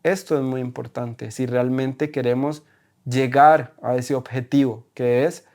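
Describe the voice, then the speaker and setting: A man with a Costa Rican accent, a German teacher talking as a guest in an interview, animated and full of rhetorical questions. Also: mid-range voice, a little slow. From Costa Rica. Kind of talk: conversational interview.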